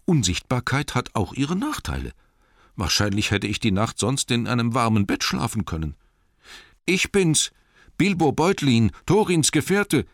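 A man's voice: big pitch swings, normal speed, a bit bright, no room sound, studio quality. A man voicing a small, weary male hobbit, nervous but plucky, in a shaky, raised voice. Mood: calling out. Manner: shaky, higher put-on voice.

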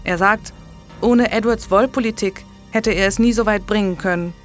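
A woman reading an audiobook, voicing a calm, polite young medieval nobleman with a steady, firm manner. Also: medium pitch, normal speed, soft background music, pitched above the performer's own voice, natural voice.

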